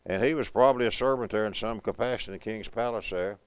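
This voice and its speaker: Low, smooth-voiced man teaching a Bible class. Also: no echo, poor audio. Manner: conversational, asks the class questions and answers them; reads verses slowly and deliberately. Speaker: preaching school instructor. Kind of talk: Bible class lecture, reading scripture aloud and explaining it.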